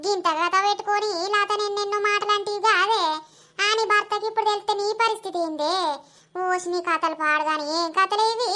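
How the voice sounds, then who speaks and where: A woman voices a nosy village neighbor in a cartoon. She scolds and pries with a Telangana accent, in a very high, bright voice that rises when she gets heated. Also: steady tone, brisk. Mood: scolding. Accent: Telangana Telugu. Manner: scolding, prying. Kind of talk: cartoon voice acting.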